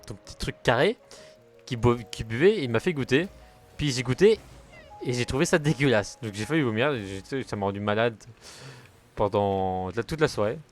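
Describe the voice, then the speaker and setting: A young man chatting casually while streaming a car football game, rambling from topic to topic and swearing when plays go wrong. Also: mid-range voice. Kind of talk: casual gaming commentary.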